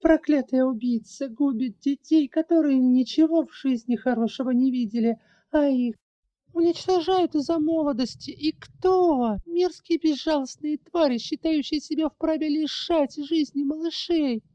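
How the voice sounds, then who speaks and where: A woman voicing a fierce young dragoness who defends orphans, accusing and high-strung. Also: normal speed, mellow, dull audio, natural voice. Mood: furious. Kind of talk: audiobook character voice.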